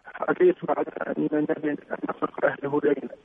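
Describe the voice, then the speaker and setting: A man calling in to a radio show over a poor, garbled phone line, asking questions in a halting, hesitant way. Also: on the high side, level tone, breathy edge. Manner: hesitant, halting, many fillers. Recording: tinny distorted phone line.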